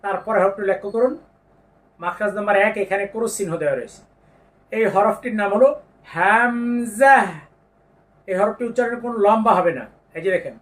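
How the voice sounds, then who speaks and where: A man teaching Quran pronunciation, patiently explaining each letter and drawing out the sounds slowly. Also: high voice, recorded from a distance. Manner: slow drawn-out demonstrations of letter sounds, patient instructions. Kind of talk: step-by-step pronunciation lesson.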